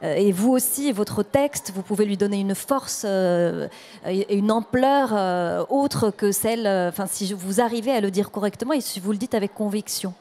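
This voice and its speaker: Woman poet on a panel, hesitant and halting, soft mellow tone. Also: mid-range voice. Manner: hesitant, many fillers and restarts. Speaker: poet and performer. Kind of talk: panel discussion answers.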